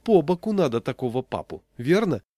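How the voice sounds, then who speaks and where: A rowdy, jolly man teases loudly and squeals with laughter, as a man reading a comic story puts him on. His voice rides well above a plain speaking tone. The recording is close and dry. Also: a little high, big pitch swings, a little fast, no room sound, pitched above the performer's own voice. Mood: mock-fussing. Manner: loud, teasing, laughing. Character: jolly joking man, loud and giggly.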